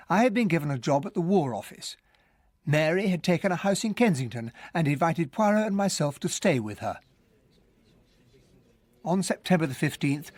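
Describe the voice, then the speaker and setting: An actor playing an earnest, well-bred English army captain who narrates and talks in a radio drama, with an English accent. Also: male voice, fairly high pitch, no echo. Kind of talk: radio drama acting and first-person narration.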